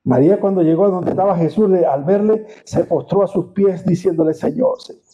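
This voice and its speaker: A pastor preaching a sermon, retelling scripture dramatically and firing rhetorical questions at the congregation. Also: male voice, sits high, fairly quick, warm tone. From Venezuela. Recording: dull lo-fi sound.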